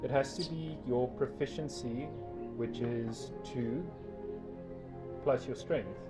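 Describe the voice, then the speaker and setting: A man serves as game master for a tabletop game, narrating and making rulings in a casual, somewhat hesitant way. His voice is mid-range and he takes it slowly. Background music plays under the game talk.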